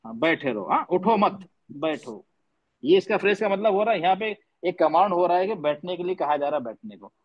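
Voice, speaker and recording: A man's voice: high voice, lively intonation, quick pace, hardly any pauses, dull audio. A man teaching tajweed in an online class, patiently quizzing students and repeating his points. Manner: mixes English words into speech. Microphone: online class audio.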